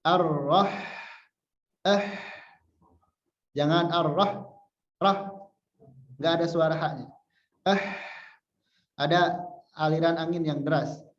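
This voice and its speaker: A man's voice: on the high side, steady tone. A male religious teacher giving a Quran recitation lesson, patiently repeating syllables to show correct pronunciation. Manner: chants example verses slowly. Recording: echoey room, dull lo-fi sound.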